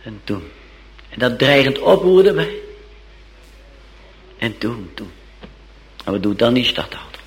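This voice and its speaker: Male preacher, sermon storytelling, slow and dramatic, gravelly, lively melody. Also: mid-range voice, low-quality recording. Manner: dramatic storytelling, repeats phrases.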